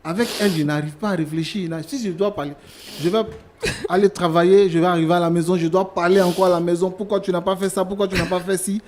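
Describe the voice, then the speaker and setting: A man's voice: high voice, fairly even intonation, quick pace, darkish tone, lightly acted. An actor playing a fed-up husband who wants to leave his wife, talking in an exasperated, insistent way. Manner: exasperated, insistent, repeats himself. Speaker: husband in a staged couple-counseling show.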